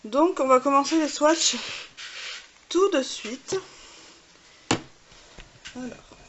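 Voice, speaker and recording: A beauty vlogger with a French accent chats casually, using lots of fillers as she shows makeup swatches. Her voice is high and a bit bright, and she speaks very slowly, with faint hiss on the recording.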